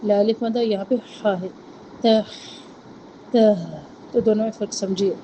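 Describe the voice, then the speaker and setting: A woman teaching Quran recitation, reciting each phrase slowly and then quickly explaining its pronunciation rules. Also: medium pitch, fairly even intonation, dark tone, a little hiss or hum, poor audio. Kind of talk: tajweed lesson, recitation with rule explanations.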